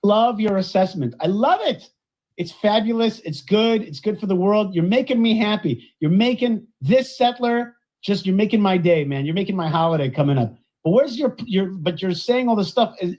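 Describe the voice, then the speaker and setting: High-voiced man. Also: moderate pace, a little mellow. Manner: effusive, repetitive, sprinkles Yiddish words. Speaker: rabbi commentator. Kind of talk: effusive spoken commentary.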